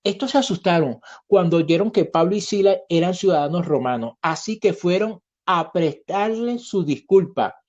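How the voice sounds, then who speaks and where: A man's voice: high voice, darkish tone. A man with a Colombian accent, a pastor giving an earnest sermon and telling a personal story as he preaches. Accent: Colombian Spanish. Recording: muffled lo-fi sermon recording.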